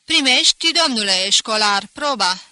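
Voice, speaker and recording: A woman's voice: fairly high pitch, lively intonation, sharp tone, dry recording. A woman voicing a scornful, mocking older male schoolteacher who talks with sarcastic chuckles in an audiobook. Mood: condescending.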